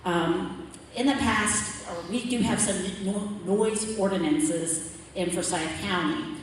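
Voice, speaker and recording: A low-voiced woman speaks slowly while giving a plain, explanatory slide presentation at a community forum, often checking in with "okay?". She is recorded from far off in a large, echoey meeting hall, with a little hiss or hum.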